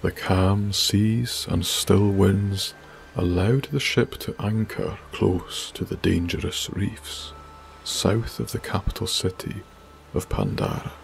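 A male narrator reads a bedtime story in a hushed, breathy way. His voice is very low and deeply gravelly with heavy fry. He takes his time over every phrase. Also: fairly even intonation, slow, slight background noise. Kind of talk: slow sleep story narration.

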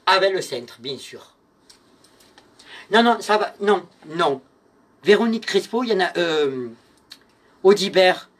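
A man runs a live-stream clothing sale in a bright, sharp-edged voice. He calls out his viewers by name with theatrical mock insults, dropping to a mutter one moment and yelling the next. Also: high voice, expressive, measured pace, pauses often. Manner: theatrical, swings between muttering and shouting. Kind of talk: live-selling stream chat.

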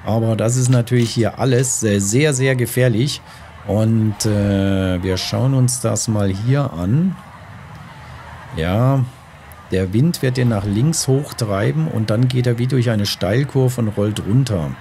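A man's voice: fairly low pitch, takes it slowly, dark tone. A man giving casual let's-play commentary, thinking aloud and deliberating to himself as he plays. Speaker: gaming host. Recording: faint background game noise. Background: golf game ambience.

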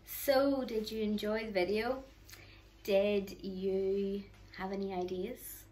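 A woman's voice: mid-range voice, steady tone, takes it slowly, poor audio. Chatty Northern Irish woman talking to children. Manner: warm, chatty and encouraging, speaking to the children directly. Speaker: children's church leader. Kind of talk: online children's church talk. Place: living room at home, indoors.

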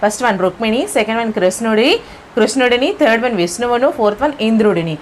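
A woman with a Telugu accent teaching an exam lesson step by step, often checking with "okay?", her voice lower than usual from early morning. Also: lively intonation, quick pace, a little hiss or hum.

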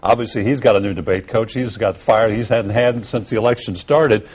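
Man, TV host, moderator, brisk questions, muffled broadcast sound. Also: fairly low pitch, a little mellow, slightly rough. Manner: brisk questions and frequent "mm-hmm" acknowledgements. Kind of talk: moderating a political panel.

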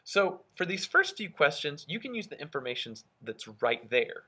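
A male elementary school teacher reading aloud and explaining a lesson to children, expressive and thinking out loud, with a husky voice. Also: a little high, moderate pace. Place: indoors at a school, at a wooden desk.

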